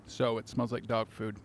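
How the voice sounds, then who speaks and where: A man hosting a casual food vlog outdoors, trading deadpan jokes in a playful, mock-newscaster way. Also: lowish voice. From Utah. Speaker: vlog host. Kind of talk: joking casual commentary. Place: outdoors at street taco stands. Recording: music playing behind.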